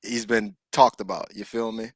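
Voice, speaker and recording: A man's voice: on the low side, flat delivery, moderate pace, a bit bright, dry recording. A man co-hosting a casual sports podcast, talking in a laid-back way and often checking that he is understood. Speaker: podcast co-host.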